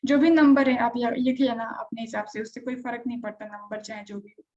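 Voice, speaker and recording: A high-voiced woman teaches a chemistry lesson and keeps stopping to ask her students whether anything is unclear. The sound is dull and lo-fi. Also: steady tone, a little fast, dark tone. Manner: conversational, checks on students often. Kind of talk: live online class lecture.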